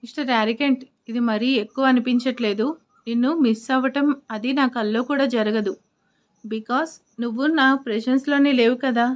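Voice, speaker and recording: A woman's voice: fairly high pitch, fairly even intonation, moderate pace, muffled recording, close to an everyday voice. A woman voicing a curt, easily irritated young wife in a storybook tale. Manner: curt, scolding.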